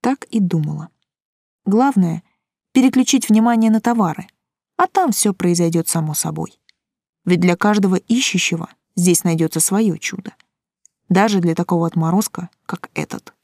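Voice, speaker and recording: A woman reading a first-person audiobook in a calm, dry, wry manner. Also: fairly low pitch, moderate pace, no echo. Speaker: audiobook narrator.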